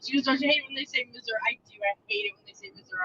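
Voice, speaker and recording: A woman, co-hosting a live stream from a truck and chatting through viewer comments in an animated, laughing way. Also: high-pitched, racing, dull audio. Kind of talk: casual live-stream chat reading comments. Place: inside a truck cab on the road.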